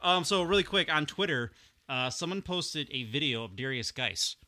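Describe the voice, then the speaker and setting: A man's voice: on the high side, expressive, moderate pace, sharp tone. A man co-hosting a podcast in a small studio, chatting casually and laughing easily. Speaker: podcast co-host. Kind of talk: casual chat.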